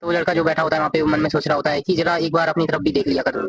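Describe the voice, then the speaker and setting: A man narrating a comic story in a casual, rapid, run-on retelling, reading the characters' lines aloud as he goes. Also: a little high, little pitch movement, a crowd in the background, poor audio.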